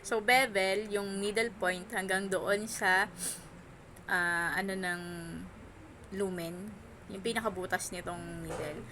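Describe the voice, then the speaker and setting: A woman with missing front teeth gives an informal hands-on lesson as a medical instructor, in short, halting, repeated phrases. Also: mid-range voice, steady tone. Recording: noisy room, noise from outside. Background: background noise, child outside.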